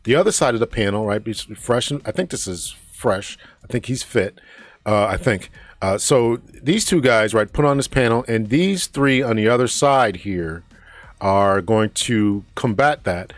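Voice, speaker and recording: A man's voice: fairly low pitch, lively intonation, a little slow, dry recording. A man hosting a podcast and reacting to a clip, talking hesitantly, repeating words and checking in with "right?". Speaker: podcast host. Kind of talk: reaction commentary.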